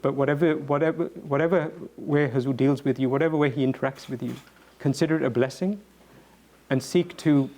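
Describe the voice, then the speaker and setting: Man, mid-pitched, earnest, halting, reflective, repeats words, answering questions. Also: fairly even intonation, a little mellow. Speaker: guest speaker answering questions.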